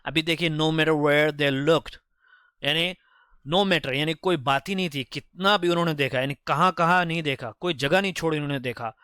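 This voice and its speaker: Tutor voice: a man explaining phrases, a bit high, close and dry, repeats and self-corrects. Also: pushed and bright, clear, resonant tone, no room sound. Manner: reads English phrases slowly, then explains them briskly; repetitive, correcting himself as he goes. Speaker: English teacher. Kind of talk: explaining English phrases from a story.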